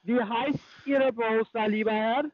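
A man's voice: very high voice, fairly even intonation, measured pace, no echo. Non-native man trading insults by phone. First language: not German. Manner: broken German, mocking, repetitive insults. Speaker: scam caller. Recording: dry muffled phone call.

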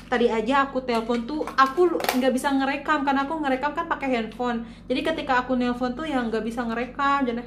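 A woman's voice: sits high, quick pace, few pauses, noisy background. Chatty Indonesian woman vlogging in an echoey room. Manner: chatty, showing items to camera. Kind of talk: casual vlog chat.

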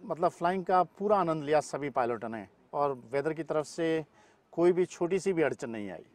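Expressive and fairly high-pitched, a middle-aged man answers interview questions at a moderate pace, mixing English terms into his speech. He's a paragliding pilot and weather expert for the event, speaking on an open grassy mountain field. Outdoor ambient noise comes through clearly.

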